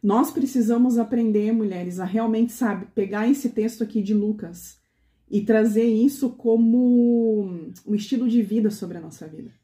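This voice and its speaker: High mellow woman preaching in echoey hall. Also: moderate pace. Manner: conversational, often asks the women questions. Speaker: pastor. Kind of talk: sermon to a women's meeting.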